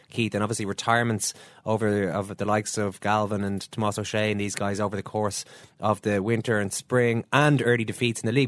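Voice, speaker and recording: A man's voice: fairly low pitch, no echo, studio quality. An Irish-accented man presenting a sports podcast in a conversational style.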